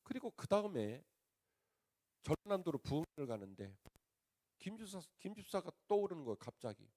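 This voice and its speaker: A male revival preacher, telling a story to his church with a lively, wide-ranging delivery. His mellow, dark voice keeps rising into loud bursts and dropping into quiet asides. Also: a little high, moderate pace. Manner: animated storyteller, swings between loud outbursts and hushed asides. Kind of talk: sermon storytelling. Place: church sanctuary.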